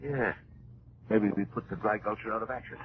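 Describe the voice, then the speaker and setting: An actor playing a folksy, excitable cowhand sidekick with an American Western accent and colorful slang in a 1950s radio western. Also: male voice, lowish voice, brisk, natural voice. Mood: wary. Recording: muffled, noisy old-time radio recording.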